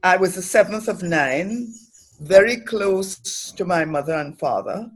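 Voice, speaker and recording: A middle-aged woman from Trinidad, an academic and development professional, speaks thoughtfully and earnestly as the guest in a reflective interview. Her lowish voice has lively intonation, a breathy edge, and a slightly slow pace, and the recording is rough.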